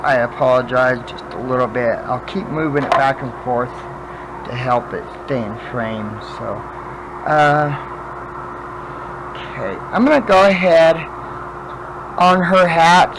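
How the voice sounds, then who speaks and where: A man with toothless, slurred speech, chatting casually and haltingly as he demonstrates a craft, thinking aloud while he works. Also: a little high, background noise. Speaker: craft vlogger demonstrating wood burning. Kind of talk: casual chat while working.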